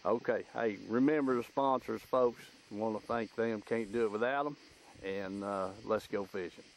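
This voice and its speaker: A man with a Southern US accent hosts a casual fishing show from a boat on a lake at night, chatting in a folksy way into a camera microphone. His voice is lowish and his pace moderate, and the outdoor recording is noisy.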